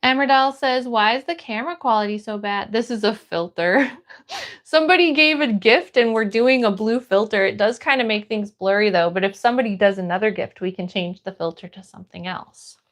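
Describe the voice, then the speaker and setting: Speaking briskly in a mid-range, fairly bright voice, this livestream host from the United States keeps things casual and upbeat. She reads out viewer comments, welcomes people by name, and offers warm encouragement.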